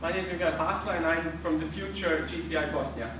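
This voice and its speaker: During a group presentation in an echoey room, recorded from far away with noise, a man speaks hesitantly and restarts many times. His voice is a little high, his intonation fairly even, and his pace quick.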